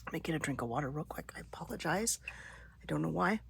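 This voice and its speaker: A woman with a froggy, hoarse voice, quietly talking through a paper crafting tutorial in a half-whisper while she works. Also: deep voice, very fast. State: clearing throat, hiccups. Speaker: paper craft video creator. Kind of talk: soft-spoken crafting tutorial.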